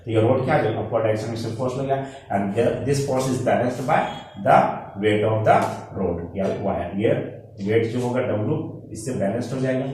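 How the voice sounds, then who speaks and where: A man's voice: medium pitch, moderate pace, a little mellow. A man teaching physics at a board, switching between Hindi and English and quizzing himself as he explains each step. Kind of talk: classroom lecture at a board. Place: echoey classroom with a board. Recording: very echoey room, distant mic, faint noise.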